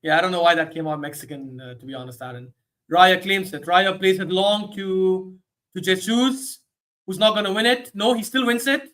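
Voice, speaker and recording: A man hosting a football watchalong, giving live commentary that swings between low muttering and sudden excited shouts. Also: normal speed. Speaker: host of a football watchalong stream. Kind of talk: live match commentary and reaction.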